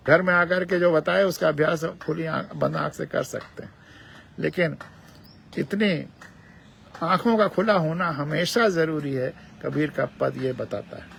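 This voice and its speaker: A man delivers a calm spiritual discourse in a gravelly, slightly high voice. He speaks in measured phrases and restates key words again and again for emphasis. A faint hiss sits beneath his voice.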